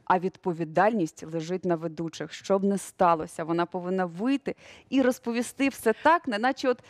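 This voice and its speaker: A young woman, a news producer, chatting as a guest in a studio interview, relaxed and chatty, with many fillers. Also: lowish voice, brisk, no room sound.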